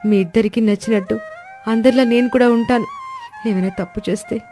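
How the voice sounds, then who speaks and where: Woman doing a high dramatic young daughter-in-law. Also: a little fast, a little mellow, faint music behind, close to an everyday voice. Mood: tearful. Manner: tearful pleading then showy and boastful. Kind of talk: animated storybook voice acting.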